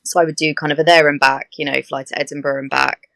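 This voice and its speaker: A woman's voice: low-pitched, quick pace, gravelly, no echo. Chatty woman, dry close sound. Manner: chatty, animated, laughing asides. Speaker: air hostess guest. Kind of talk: casual interview chat.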